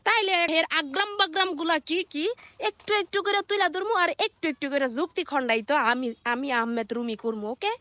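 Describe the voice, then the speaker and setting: Her pitch is very high, her intonation lively and her tone sharp as she speaks quickly with no echo. The content creator rants sarcastically in a scolding phone-recorded reaction video, using a colloquial Bangladeshi Bengali accent.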